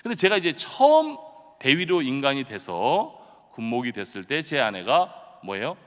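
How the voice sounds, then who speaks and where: A middle-aged man preaching a dawn revival sermon, telling stories in a chatty, self-deprecating way and bursting into sudden loud shouts. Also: medium pitch, sing-song, moderate pace. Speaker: pastor. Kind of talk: early-morning revival sermon. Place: church sanctuary. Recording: long church-hall reverb.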